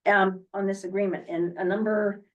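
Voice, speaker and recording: A woman at a public board meeting who asks questions in a hesitant, halting way. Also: mid-range voice, steady tone, lo-fi sound. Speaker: board member. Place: meeting room. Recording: distant meeting-room mic.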